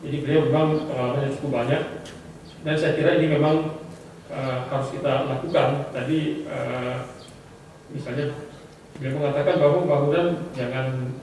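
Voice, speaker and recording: A man giving formal remarks as a senior official at a public forum, measured, with occasional fillers. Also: mid-range voice, fairly even intonation, a little mellow. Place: meeting room, heard from a distance. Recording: distant echoey room mic with background noise.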